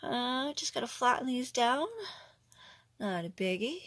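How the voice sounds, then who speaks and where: A woman's voice: a little high, animated, measured pace, fairly bright tone. A middle-aged woman chatting casually through a nail art tutorial at home, talking to herself as she works and often dropping into a whisper. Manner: chatty, talks to herself while working, drops into whispers.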